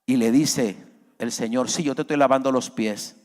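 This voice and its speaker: A man preaching a sermon as a pastor, his voice climbing high and loud as he acts out pleas. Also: moderate pace. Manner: preaching, voice rises high and loud when acting out Peter's plea. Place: church hall. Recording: long reverb of a large church.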